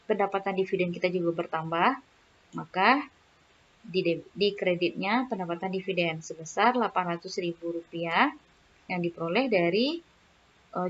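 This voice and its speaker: A woman lecturing on accounting, working through examples step by step and often pausing on filler words. Her voice sits at a middle pitch. The recording is somewhat dull and lo-fi. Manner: explains step by step with many fillers and "ya" checks. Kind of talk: recorded lecture over slides.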